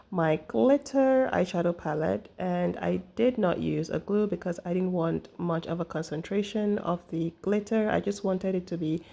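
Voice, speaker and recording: A young woman, an easygoing beauty vlogger, talks through her makeup routine in a relaxed, chatty way full of little fillers. Getting over the flu, she speaks in a low, husky, gravelly voice.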